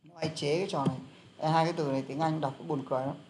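Thầy giáo nam giọng cao, nói chuyện thân mật. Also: male voice, fairly high pitch, fairly even intonation, racing, noisy background. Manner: chatty explaining, many fillers. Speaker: English teacher. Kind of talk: casual online lesson.

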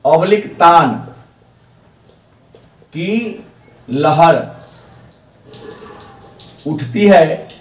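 A man's voice: a little high, very slow, pauses often. A male teacher giving a grammar lesson, repeating key terms and asking questions he answers himself. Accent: Hindi, eastern. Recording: echoey room, mic at a distance.

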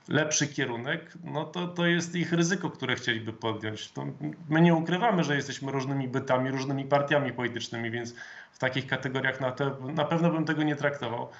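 Formal male politician on a video call. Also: medium pitch. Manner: measured, formal, hesitant fillers. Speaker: member of parliament, guest. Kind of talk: political interview. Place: home office with flag, indoors. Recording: dull lo-fi video call audio.

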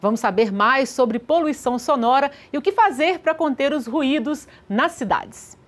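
Female studio presenter, slightly high voice, clear scripted read. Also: animated, moderate pace. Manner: clear, inviting announcer delivery.

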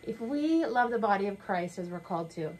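A woman co-hosting a sermon discussion in a small wood-paneled room, speaking in a measured, thoughtful way. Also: mid-range voice, expressive, darkish tone, rough recording. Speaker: co-host. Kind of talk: conversational sermon dialogue.

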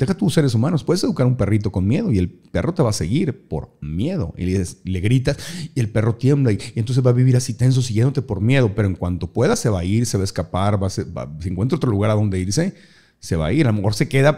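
A middle-aged Mexican man with a Mexican accent, a guest in a casual interview who tells lively stories and mimics people. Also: fairly low pitch, fast. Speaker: guest, speaker.

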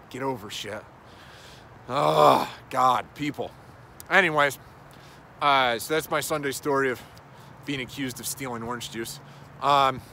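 Filming himself on a phone at arm's length, a thirtysomething gym owner with a runny nose strolls a suburban street at dusk, rambling profanely and filling gaps with "uh." His medium-pitched voice has a sharp edge, and there's a little background noise.

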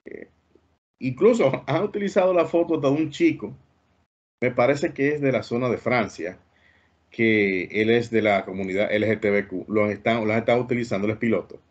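A man's voice: mid-range voice, fairly quick, highs cut off. A man hosting an interview, earnest and cautionary in tone. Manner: earnest, warning tone. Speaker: host.

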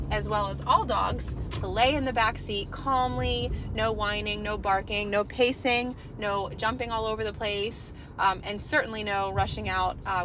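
A woman in her thirties, a dog trainer, talking calmly and upbeat to a phone camera from a car. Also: medium pitch. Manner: calm, upbeat, explanatory. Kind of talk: casual instructional vlog. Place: inside a parked car, then outdoors on a street. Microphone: phone camera held at arm's length. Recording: noisy car and street ambience.

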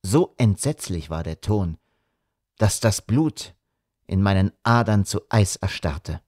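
A man reading an audiobook, with measured, atmospheric dramatic narration. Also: on the low side, expressive, darkish tone, no room sound, clean studio sound.

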